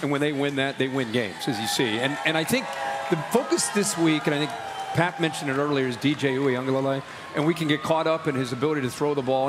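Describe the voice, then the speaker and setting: A middle-aged man breaks down football on a live outdoor broadcast. His voice is a little higher than usual. There is faint ambient noise behind him. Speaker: football analyst. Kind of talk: live sports analysis.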